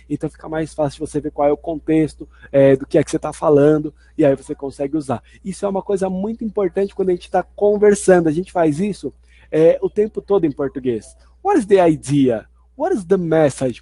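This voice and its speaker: A man's voice: on the high side, dark tone, husky, dry recording. A man teaching a video lesson in an explanatory way, restating each point twice. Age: adult. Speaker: language teacher.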